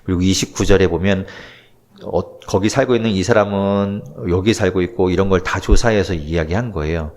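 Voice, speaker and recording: A man's voice: low voice, normal speed, darkish tone. A male pastor teaching a Bible study, retelling scripture and acting out the quotes. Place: church. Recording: audio-only church recording.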